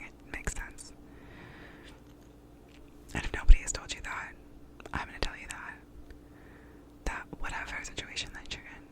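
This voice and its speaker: Woman giving a whispered pep talk. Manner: whispering throughout, close up; reassuring, validating. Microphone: close to the mouth.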